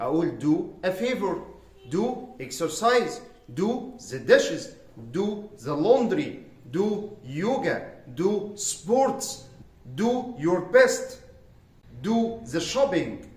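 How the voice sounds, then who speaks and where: An upbeat Egyptian man teaching an English lesson, with an Egyptian Arabic accent and a fairly high voice. He talks in a chatty, encouraging way, and his voice bounces around an echoey room. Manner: upbeat, chatty teacher who repeats "tamam?". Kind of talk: friendly explainer lesson.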